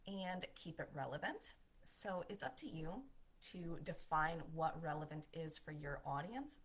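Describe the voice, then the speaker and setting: Casting: woman with a low voice, cheerful instructor talking over slides, friendly and chatty. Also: expressive, a little slow, slightly rough. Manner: upbeat, smiling, conversational. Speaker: marketing instructor. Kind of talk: presentation voiceover lesson.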